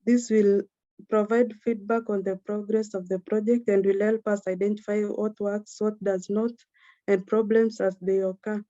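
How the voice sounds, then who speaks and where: Woman reading a flat, formal presentation. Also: medium pitch, normal speed, no room sound, lo-fi sound. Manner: steady, formal, list-like delivery.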